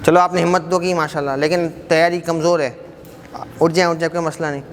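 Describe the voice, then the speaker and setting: A man teaching an Arabic class, briskly quizzing students and encouraging them not to be shy. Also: a little high, flat delivery. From Pakistan. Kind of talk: classroom quiz lesson. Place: mosque hall. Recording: echoey hall with background noise.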